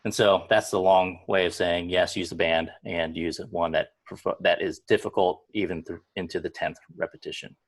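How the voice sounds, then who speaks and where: A deep-voiced man with a gravelly edge explains strength training on a video call. His delivery is loose and practical, with small restarts as he thinks aloud. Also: fairly even intonation, normal speed, few pauses. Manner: explanatory, repeats words when restarting. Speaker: fitness coach. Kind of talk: casual instruction on a video call.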